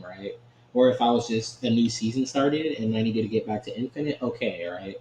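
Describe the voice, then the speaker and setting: A gaming channel host with a lowish, slightly mellow voice chats casually while playing a card game, laughing often and checking in with "right?". The room is echoey, with faint ambient noise.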